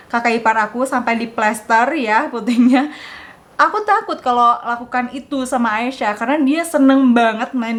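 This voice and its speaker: A young woman, telling a casual story as a mom vlogger and acting out quotes in playful voices. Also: mid-range voice.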